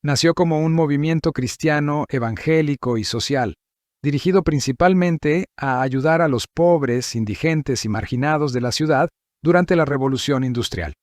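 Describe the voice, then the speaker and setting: A man giving a scripted narration, reading through points in a measured, list-like way. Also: on the high side, dry recording, clean studio sound.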